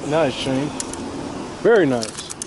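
A man working as a fishing guide, coaching and cheering his clients from the boat in an excited, repetitive way. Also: mid-range voice, slow pace. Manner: enthusiastic, cheering, repeats praise. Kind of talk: excited on-the-water coaching commentary. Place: outdoors on a small fishing boat in a canal. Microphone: action camera mounted on the boat. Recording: outdoor wind and water noise.

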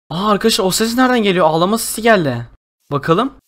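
A young man hosting a Minecraft role-play, talking in an excitable, exclamatory way. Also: high-pitched. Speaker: gaming YouTuber host.

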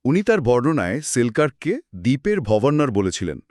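A man co-hosts a scripted history talk, recorded close and dry with no room sound. His pitch swings widely as he explains events in short, clipped clauses. Now and then he turns a point into a musing question. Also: sing-song, a little fast, darkish tone, no echo. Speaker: co-host. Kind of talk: scripted two-host history chat.

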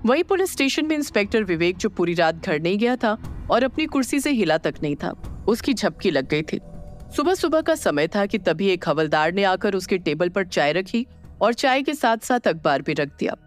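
A narrator reading an audio drama in steady, scripted storytelling style. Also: medium pitch, moderate pace, soft background music.

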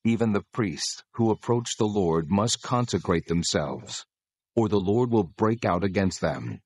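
An actor playing God as a solemn, commanding lawgiver in dramatized scripture, speaking in a measured, authoritative way with a husky voice. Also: male voice, on the low side, lively intonation, a little mellow, no echo. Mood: stern, warning.

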